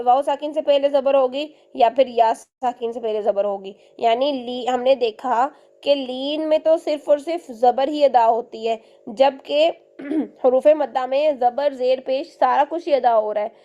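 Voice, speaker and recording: Patient woman teaching, slightly high voice. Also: measured pace, dark tone, muffled recording. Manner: patient, repeats points with frequent check-ins. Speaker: Quran recitation teacher. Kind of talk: explaining a lesson step by step.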